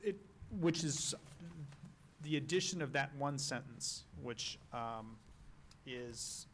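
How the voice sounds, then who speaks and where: A man on a town's planning staff, explaining policy to a council in a halting, explanatory way on a meeting microphone. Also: medium pitch, lively intonation, a bit bright, slight background noise. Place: town meeting room.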